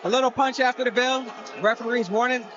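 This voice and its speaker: A man doing casual live boxing commentary, excitable and streetwise, repeating phrases and tossing in coaching tips. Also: extremely high pitch, fairly quick. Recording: muffled mic amid noisy fight crowd. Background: fight crowd.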